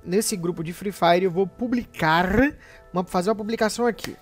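Fairly quick and high-pitched, this young man's voice carries a Bahian Brazilian accent as he hangs out with his viewers in a casual gamer vlog. He's slangy and informal, calling them buddies, recorded in a small home gaming room with music behind him.

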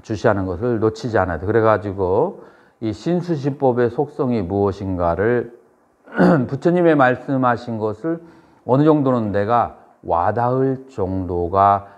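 A middle-aged man, a Buddhist monk lecturing a seminary class, who asks students questions and then answers them, with measured phrasing and pauses. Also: medium pitch, darkish tone. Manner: measured delivery with frequent pauses and "eo" fillers. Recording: dull lo-fi lecture recording.

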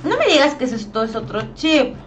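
Bubbly high-voiced Mexican woman streamer. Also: big pitch swings, muffled recording, faint music behind. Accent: Mexican Spanish. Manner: chatty, playful, quick greetings to viewers. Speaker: gaming streamer. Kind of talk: live-stream commentary, greeting chat.

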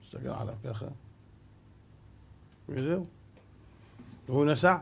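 A male rabbi giving a Torah lesson, telling stories in an animated way and acting out dialogue while he addresses his audience directly. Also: a little high, vocal fry, slightly rough. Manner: animated storytelling, acts out dialogue.

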